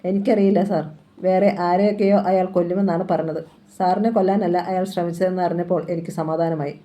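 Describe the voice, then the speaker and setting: A frightened young woman dealer in an audiobook crime thriller, voiced by the woman narrator. She speaks in a low, mellow voice that stays fearful and pleading. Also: fairly even intonation, fast, lightly acted. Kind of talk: audiobook novel reading.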